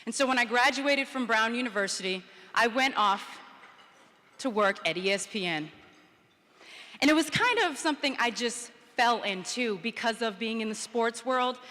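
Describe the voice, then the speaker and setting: A woman's voice: a little high, lively intonation, normal speed, sharp tone. A woman in her thirties giving a motivational conference speech, telling a personal story and acting out the quotes. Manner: storytelling, acts out quotes with rising energy. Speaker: public speaker. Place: conference hall, indoors. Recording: reverberant conference hall.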